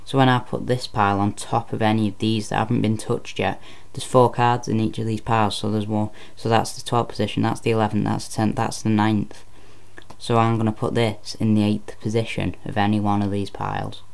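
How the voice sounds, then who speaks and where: A man's voice: fairly low pitch, flat delivery, a little fast, gravelly. A man giving informal card magician patter, explaining step by step and repeating phrases as he goes. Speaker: card trick presenter.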